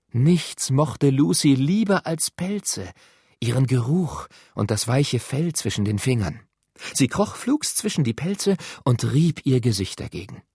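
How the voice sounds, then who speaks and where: Expressive, husky male storyteller. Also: mid-range voice, no room sound, studio quality. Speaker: audiobook narrator. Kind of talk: scripted narration.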